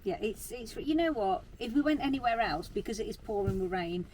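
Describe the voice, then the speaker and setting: A woman's voice: fairly high pitch, expressive, fairly quick, a little mellow. A British woman vlogging in casual, chatty talk full of informal slang. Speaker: travel vlogger. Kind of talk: casual chat to camera. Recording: noisy location sound with ambience.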